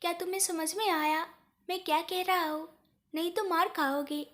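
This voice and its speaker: Woman reading as angry possessive young guy, harsh demanding questions, storybook, very high voice. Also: steady tone, normal speed, a bit bright. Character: angry possessive young man, college senior. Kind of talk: storybook read-aloud.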